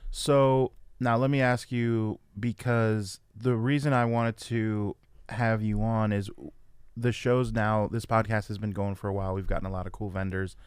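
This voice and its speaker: A man's voice: on the low side, level tone, moderate pace, smooth, dry recording, studio quality. A man hosting a podcast, asking rambling questions and laughing easily. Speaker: podcast host. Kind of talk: casual interview chat.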